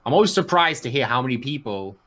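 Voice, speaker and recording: A man with a mid-pitched voice co-hosts a podcast. He speaks in relaxed, everyday banter, playful and teasing. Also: fast talker. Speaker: podcast co-host. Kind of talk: casual banter.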